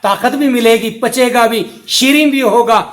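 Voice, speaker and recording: A middle-aged man preaches a sermon in a strikingly high voice. He builds his points in rhythmic, repetitive lists, one short phrase after another. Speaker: mufti preaching.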